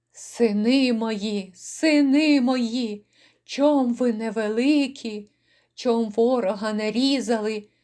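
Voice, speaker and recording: Here is a grief-crazed Cossack father, torn between fury and despair, as a woman puts him on in a poetry reading. His cries come high and slow, each word stretched out in anguish. The lament swells loud and raw. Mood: bitter. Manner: anguished shouting and lament, drawn out. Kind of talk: dramatic poetry recital.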